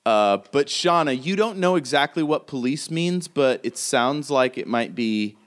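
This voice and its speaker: Lively, slow-talking male game master. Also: mid-range voice. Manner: casual, swearing, laughing often. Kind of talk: narrating a tabletop game.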